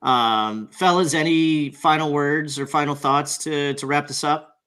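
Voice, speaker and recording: A man hosting a casual talk show, relaxed as he offers tips with plenty of fillers. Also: on the high side, measured pace, clean tone. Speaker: host. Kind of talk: casual chat.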